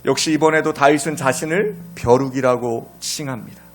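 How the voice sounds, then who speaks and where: A man preaching a sermon as pastor, dramatic, asking his congregation questions and swinging between loud and hushed. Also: mid-range voice, normal speed, soft background music.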